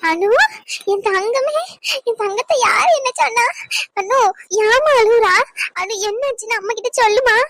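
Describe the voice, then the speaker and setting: A woman's voice: very high voice, moderate pace, long pauses, fairly bright tone, slight background noise. A woman voicing a devoted middle-aged mother in a cartoon, who coaxes and pleads tenderly. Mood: worried. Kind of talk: cartoon voice acting.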